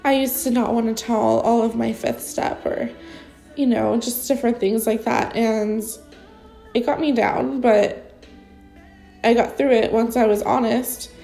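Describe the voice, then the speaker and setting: A young woman with a slightly high, gravelly, dark voice speaks unhurriedly with fairly even intonation, over soft background music. She's a recovery sponsor sharing her experience in a casual, unscripted vlog. Congested and stuffy-nosed, she rambles spontaneously with lots of fillers.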